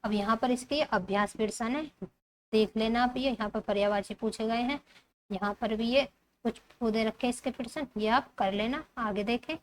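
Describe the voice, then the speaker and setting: A woman teaching a grammar lesson. She reads the textbook aloud slowly and keeps asking the class rhetorical questions as she explains. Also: on the high side. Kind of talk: Hindi grammar lesson walking through a textbook.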